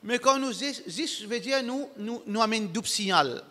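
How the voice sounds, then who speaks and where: A man preaching to his congregation, emphatic and repetitive, in broken, halting phrasing. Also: high-pitched, sharp tone, in a large hall. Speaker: Islamic preacher. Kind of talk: sermon to a congregation.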